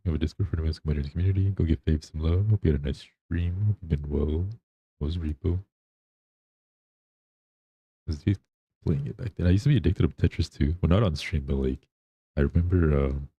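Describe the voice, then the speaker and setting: A man's voice: rumbling low, warm tone, slightly rough, no room sound, highs cut off. A man chatting casually on a livestream as the streamer, in a laid-back, rambling way. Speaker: live streamer.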